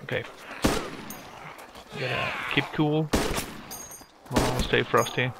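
A man with a gravelly, creaky voice mutters short lines to himself as he plays, speaking slowly and flatly. He swears at the enemies in clipped bursts. Loud gunfire keeps cracking behind his voice. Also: medium pitch, heavy background noise. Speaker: gamer. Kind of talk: gameplay commentary.

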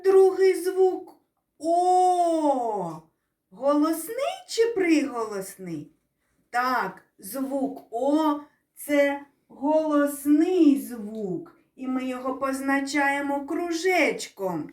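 A woman teaching young children, explaining in a drawn-out, sing-song way and asking the class questions. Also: high-pitched, very animated, a little mellow. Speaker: kindergarten teacher. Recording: echoey room, voice from a distance.

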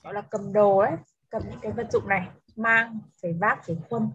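A woman teaching an English lesson over a video call, switching between Vietnamese and English and repeating words slowly for dictation. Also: medium pitch, steady tone, fairly bright tone, husky, lo-fi sound.

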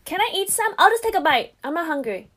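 A young woman doing comedic skits in an animated, brash way, swearing freely. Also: very high-pitched, fast, slight background noise. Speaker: comedy content creator.

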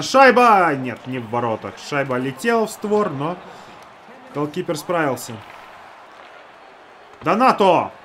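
A man casually commentates his own hockey video game, chatting to his teammates as he goes. His voice sits a little high, with faint game noise behind it. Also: a bit bright. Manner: talks to teammates and himself.

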